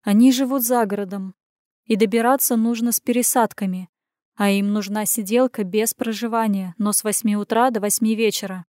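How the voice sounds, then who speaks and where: A woman reading an audiobook puts on a caring, bossy young friend who nags and insists. Her voice sits slightly above the reader's own middle pitch, close and dry, with no room echo. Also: steady tone, a little fast, a little mellow, natural voice. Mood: confiding. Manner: insistent, scolding.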